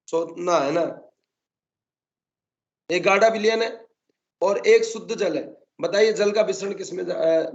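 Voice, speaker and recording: A man's voice: high voice, lo-fi sound. A male botany teacher lecturing a class, constantly coaxing the students to answer his questions.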